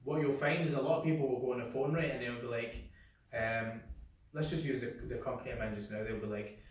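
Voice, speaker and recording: Speaking quickly at medium pitch, the man runs a workshop-style sales training for a small indoor group, cursing freely, speaking bluntly and acting out voices. The mic is placed far away, so the room echoes.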